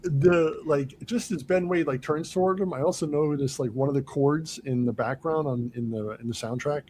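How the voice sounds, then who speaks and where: This podcast host, a man with a fairly high voice, moves at a moderate pace while casually going through a film. He acts out its lines in an animated retelling, and a faint hiss or hum sits under the audio.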